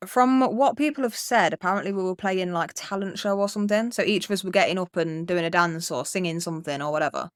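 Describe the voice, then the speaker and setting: A woman's voice: on the low side, fast, few pauses, clear, resonant tone, dry recording, studio quality. A young woman telling a rambling childhood story on a podcast, swearing freely and acting out what people said. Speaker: podcast co-host. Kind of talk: casual storytelling.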